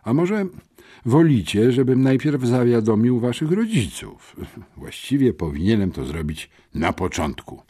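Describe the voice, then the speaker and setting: A man's voice: mid-range voice, sing-song, a little slow, mellow, breathy edge, pitched above the performer's own voice. A man voicing a sneering, suspicious male police officer who interrogates two boys in an audiobook. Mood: threatening. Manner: mocking, mutters, stern interrogator. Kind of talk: audiobook character voice.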